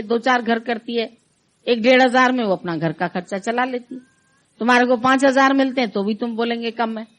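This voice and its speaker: Middle-aged woman spiritual teacher, high voice, chatty satsang delivery, mimics listeners' complaints. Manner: conversational, acts out listeners' complaints in quoted voices. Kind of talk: devotional satsang talk.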